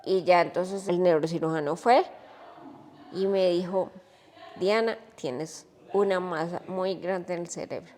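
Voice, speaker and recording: Lowish-voiced woman telling her story. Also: unhurried, long reverb tail, a little hiss or hum. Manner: animated, emotional storytelling. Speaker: guest. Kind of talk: personal storytelling in a podcast interview.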